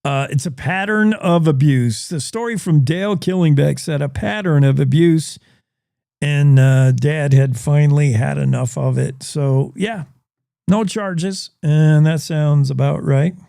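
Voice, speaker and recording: A man's voice: fairly high pitch, a little slow, gravelly, mellow, no room sound, clean studio sound. A man hosting a news show, giving folksy, opinionated commentary and repeating his points.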